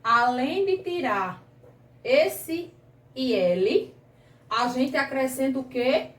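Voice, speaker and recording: High-voiced woman teaching young kids. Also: animated, takes it slowly, echoey room, distant mic. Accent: Brazilian Portuguese. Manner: patient, asks the class questions, drags out words. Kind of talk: grammar lesson for children.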